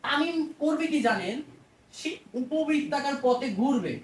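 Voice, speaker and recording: High-voiced woman teaching physics, roomy echo. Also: animated, moderate pace, distant mic. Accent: Bangladeshi Bengali. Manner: chatty, repeats phrases, asks and answers her own questions. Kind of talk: casual explanatory lecture.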